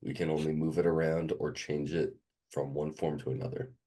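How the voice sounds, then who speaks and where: A man's voice: very deep voice, little pitch movement, brisk, dark tone. A sick, sniffly man tutoring a student one on one, hesitant with many ums as he quizzes them.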